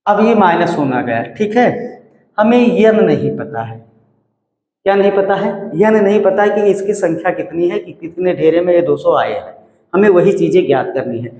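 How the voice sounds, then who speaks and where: A man's voice: sits high, expressive, normal speed, darkish tone. A man teaching a maths lesson, who keeps asking questions and answering them himself and repeats the numbers. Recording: echoey room with long reverb.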